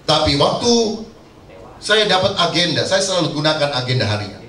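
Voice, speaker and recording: Brief: male preacher, storytelling sermon, high voice, distant mic in a roomy church. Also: big pitch swings, moderate pace, bright, forceful tone. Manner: addresses the congregation directly, storyteller. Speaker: pastor. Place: church sanctuary. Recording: echoey church hall, mic far off.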